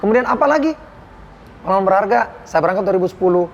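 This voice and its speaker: A man's voice: sits high, lively intonation, racing, gravelly, lo-fi sound, slight background noise. A man, a doctor on hajj health duty, telling his experiences in an earnest, devout and emotional way during an interview. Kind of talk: interview storytelling.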